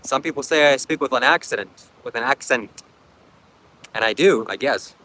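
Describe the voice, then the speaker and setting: Poor audio captures a man's mid-range, sharp-toned voice at a moderate pace. Outdoors at a beach with faint wind, this Ukrainian-accented host, not a native English speaker, chats casually on a livestream, reads comments, coughs repeatedly and rambles reflectively.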